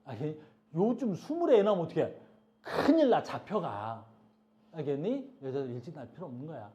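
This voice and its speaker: Lively middle-aged man lecturing a class. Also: sits high. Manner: keeps asking "알겠니?" to check understanding; lively, chatty, scolds students in passing. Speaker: high school biology teacher. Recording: dull lo-fi classroom recording.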